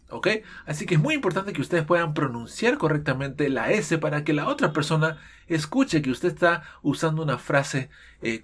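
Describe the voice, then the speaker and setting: A man teaching an English pronunciation lesson. His pitch leaps around lively and a bit high, but he takes his time, drawing words out slowly. He plays the part of his own students now and then. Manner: animated, playful, acts out students' objections.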